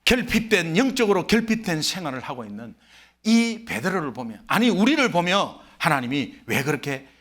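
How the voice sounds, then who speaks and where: A male pastor, from Korea, preaching a sermon in a church sanctuary with emphatic delivery that swings between loud and hushed. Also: a little high, sing-song, moderate pace.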